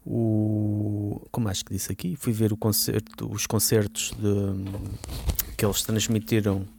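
A man with a European Portuguese accent, co-hosting a podcast and explaining his views in a measured, casual way. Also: lowish voice, little pitch movement, gravelly, a little mellow, a little hiss or hum. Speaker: podcast co-host. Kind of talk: casual chat.

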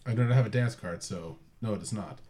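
A man playing a blunt male character who answers in short, deadpan replies. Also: on the low side, a little fast, lightly acted. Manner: deadpan, terse.

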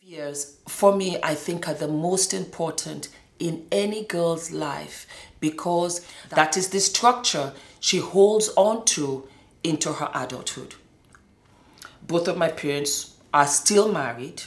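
A middle-aged woman from Nigeria and Scotland, a former model, gives a personal testimony about her life in a deep voice, taking it slowly. She speaks emphatically, repeating words for stress, in a roomy, echoing indoor recording.

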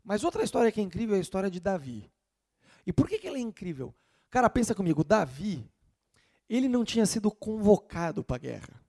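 A man preaching in a casual, storytelling way, acting out the characters' lines in quick little voices. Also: sits high, creaky. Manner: lively, acts out dialogue in quick voices.

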